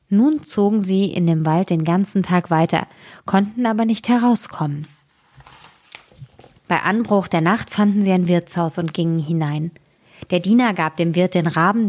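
Eine Frau mit eher tiefer Stimme liest ruhig und gleichmäßig ein Märchen vor. Sie erzählt gelassen und deutlich, ganz im Ton eines Vorlese-Podcasts. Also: female voice, lowish voice, darkish tone. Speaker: radio presenter reading fairy tales. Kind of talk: storybook narration.

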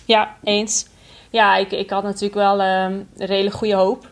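A young woman, a triathlete guest on a podcast, answering hesitantly with lots of pauses and fillers. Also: mid-range voice. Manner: hesitant, many fillers, flat delivery. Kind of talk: casual podcast interview.

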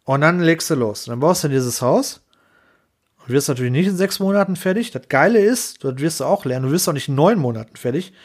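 A man chatting casually on a podcast, telling a lively story and acting out clients and bosses in quick voices. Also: fairly high pitch. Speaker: podcast co-host.

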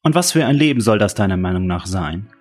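A man's voice: on the low side, animated, quick pace, darkish tone, soft background music. A man voicing a stern, insistent senator who worries about his grown daughter, in an audiobook. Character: older male senator, stern worried father.

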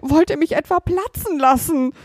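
A woman's voice: high voice, lively intonation, moderate pace, no echo, clean studio sound, pitched above the performer's own voice. A woman voicing a stammering whiny robber. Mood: pleading, nervous. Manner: stammering, hesitant with many fillers. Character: blustering male robber, greedy and whiny.

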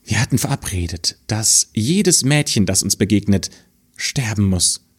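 A man's voice: lowish voice, lively intonation, measured pace, slightly rough. A man voicing the youngest brother in a spoken fairy tale, kind and reassuring.

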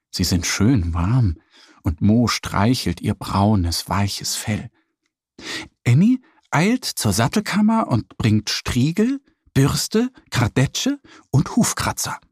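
A man narrating a children's story in a slow, lively, slightly husky voice. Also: lowish voice, no echo, clean studio sound.

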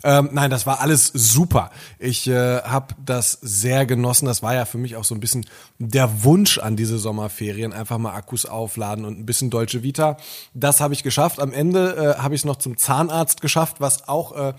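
A man co-hosting a laid-back podcast. His voice sits at a middling pitch, and he tells anecdotes with an upbeat lilt and easy laughter. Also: steady tone. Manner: upbeat storyteller, quick to laugh. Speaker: podcast co-host. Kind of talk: casual podcast chat.

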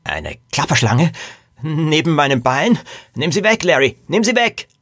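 A man voicing a scheming, gruff male animal trainer in a read-aloud children's mystery, growling low and slow. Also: animated, a bit bright, no echo, studio quality. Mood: panicked.

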